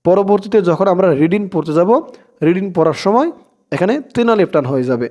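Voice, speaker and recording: A man with a Bangladeshi Bengali accent teaches Quran recitation, spelling out every letter and chanting verses slowly between brisk explanations. His voice sits high, animated and darkish in tone, and the audio sounds dull.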